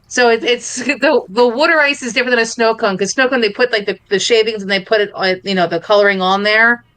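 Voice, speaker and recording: A woman's voice: a little high, fairly even intonation, quick pace, fairly bright tone, no room sound. A woman with a Philadelphia and North Jersey accent, co-hosting a podcast in casual, enthusiastic chat and laughing often. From Philadelphia area. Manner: enthusiastic, laughs often, rambling food descriptions. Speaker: podcast co-host.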